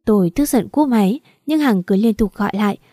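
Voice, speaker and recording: A woman narrating a first-person romance story in a soft, steady read. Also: mid-range voice, brisk, no room sound, clean studio sound. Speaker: audiobook narrator.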